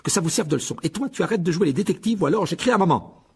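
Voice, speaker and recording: A man with a gravelly voice reading a storybook, voicing a pompous, bossy teenage school prefect in a stern, scolding tone. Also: high-pitched, expressive, racing, voice pushed up, heavily acted.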